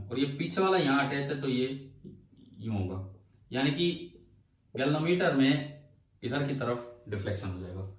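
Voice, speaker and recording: A man's voice: on the high side, far from the mic. Man, teacher, classroom lecture, questioning, echoey room. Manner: questioning, explains step by step. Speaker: physics teacher.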